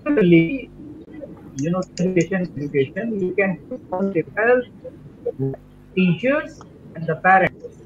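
A man, a doctor, speaking on a video conference call, lecturing haltingly with many restarts. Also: high-pitched, expressive. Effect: video conference call audio. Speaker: doctor panelist. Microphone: remote video call. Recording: tinny breaking video-call line.

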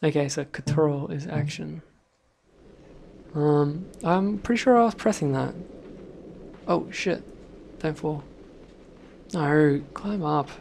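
A man commentating gameplay, swearing constantly and shouting at sudden deaths in a noisy home recording. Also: on the high side, slow pace, vocal fry, pauses often. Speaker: let's play gamer.

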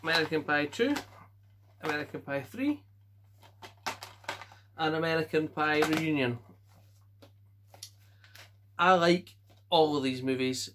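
Scottish male collector, tense bright tone, casual offhand delivery at home, faint hiss behind. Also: a little high, animated. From Scotland. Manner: offhand quick verdicts, chuckles to himself. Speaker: collector showing his film collection. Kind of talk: casual chat.

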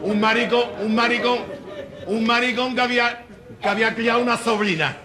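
A man with an Andalusian accent telling rapid, colloquial jokes on a comedy cassette. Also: very high-pitched, crowd noise. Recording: hissy 1980 cassette tape.

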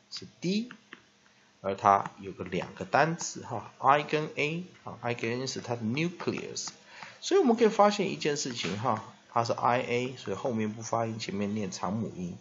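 Animated male English teacher, lo-fi. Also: medium pitch, slight background noise. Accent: Taiwanese Mandarin. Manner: drawn-out repeated demonstration words, frequent filler "ha". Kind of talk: vocabulary lesson.

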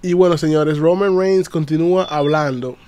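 A man, recapping wrestling on a casual live stream, chatty and animated, greeting viewers in the chat. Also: on the high side, normal speed.

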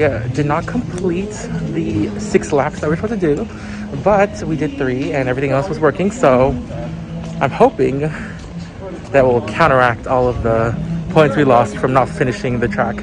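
A man's voice: on the high side, measured pace, over music, rough recording. A young man vlogging casually on a phone while walking and driving, chatty and laughing often. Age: young adult. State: out of breath. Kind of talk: casual vlog chat. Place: outdoors in a city, walking and in a car. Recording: outdoor street noise.

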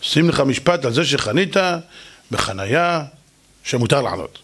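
A man's voice: medium pitch, expressive, a bit bright, slightly rough. A man preaching as a rabbi, telling stories animatedly, acting out quoted voices and putting rhetorical questions to his listeners. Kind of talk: sermon.

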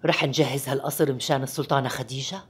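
A woman dubbing a deferential older palace matron, husky and hushed. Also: extremely low pitch, fairly even intonation, rapid-fire, exaggerated voice.

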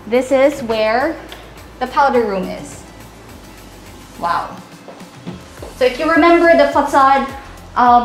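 A young woman with a high, bright voice leads a walking house tour, upbeat and salesy, calling her viewers "guys". She speaks through a lapel mic as she moves through bare rooms, and the sound rings with roomy echo. Soft music plays underneath. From Philippines. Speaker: real estate tour host. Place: large empty townhouse interior, indoors.

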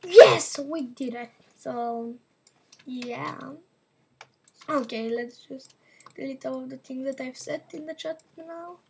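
A woman's voice: high-pitched, steady tone, slow, creaky, long pauses, slight background noise. A woman giving casual, rambling commentary to her viewers while she plays a game. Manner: chatty and rambling, talking to viewers while playing. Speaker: gaming channel host.

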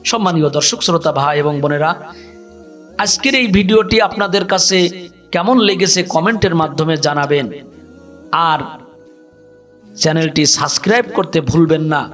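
A man teaching a prayer by spelling out Arabic syllables one by one and then reciting them slowly. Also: on the high side, fairly bright tone, faint music behind. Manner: drawn-out chanted recitation. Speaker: religious teacher. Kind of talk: slow letter-by-letter Arabic recitation lesson.

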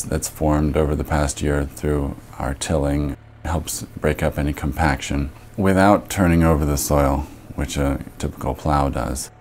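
A young American farmer with a bass, slightly mellow voice explains soil preparation in a matter-of-fact, methodical way. This documentary interview was recorded on a lapel mic in a living room, with a little hiss or hum.

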